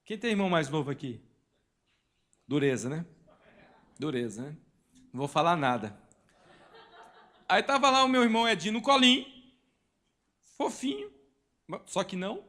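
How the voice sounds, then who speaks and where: Animated Brazilian pastor telling a story. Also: male voice, sits high, moderate pace, pauses often. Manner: animated, acts out voices and sound effects. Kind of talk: sermon storytelling. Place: church hall.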